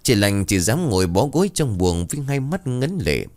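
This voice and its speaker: A man narrates a horror tale with dramatic, suspenseful delivery. His voice is very deep yet moves widely up and down as he builds tension. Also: very animated, moderate pace, darkish tone. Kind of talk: ghost story narration.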